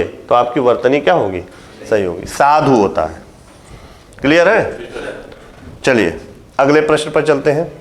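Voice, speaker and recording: A man gives a Hindi grammar lesson for an exam course in a somewhat high voice. He works through each point step by step and keeps asking the class whether it is clear. The room around him echoes. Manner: explains step by step, often asks the class if it is clear. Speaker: exam coaching teacher.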